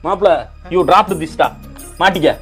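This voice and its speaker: A man's voice: sits high, takes it slowly, fairly bright tone, faint music behind. An actor playing a mocking young man in a comedy film, teasing his friend. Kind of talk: comic film dialogue.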